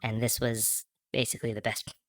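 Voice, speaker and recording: A man whose voice runs through a pitch-shifting voice changer that turns it into a high, chipmunk-like voice, chatting casually as a streamer co-host. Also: level tone, moderate pace, dry recording. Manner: chatty, thanks viewers, giggly. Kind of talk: casual chat while playing a game.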